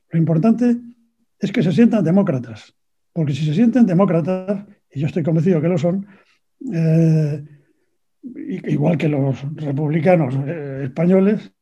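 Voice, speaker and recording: An older man from Spain, a retired navy officer, answering an interview question with deliberate, argumentative points and frequent pauses. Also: fairly high pitch, dark tone, breathy edge. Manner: deliberate and argumentative, pausing on fillers. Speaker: retired navy captain, guest. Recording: dull lo-fi recording.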